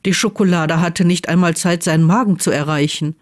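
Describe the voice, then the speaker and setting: Woman calmly reading a story aloud. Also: lowish voice, a little fast. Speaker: fan fiction reader.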